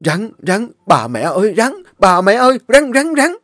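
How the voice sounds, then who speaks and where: A man's voice: mid-range voice, animated, moderate pace, a little mellow, dry recording, clean studio sound, lightly acted. A man voicing an elderly woman, a cheerful, stubborn tea farmer. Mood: panicked. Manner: breathless, shrieking in panic.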